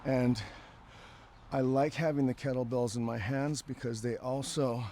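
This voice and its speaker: An older man calmly explaining an exercise while he demonstrates it, talking through the movement step by step. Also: mid-range voice, unhurried, background noise. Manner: calm, explanatory, thinks aloud between movements. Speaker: fitness coach.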